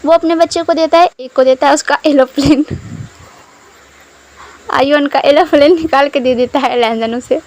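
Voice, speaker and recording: A woman's voice: sits high, fairly even intonation, moderate pace, pauses often. A woman narrating a fan fiction story in a chatty, casual way, doing the dialogue herself. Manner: chatty, giggles while retelling.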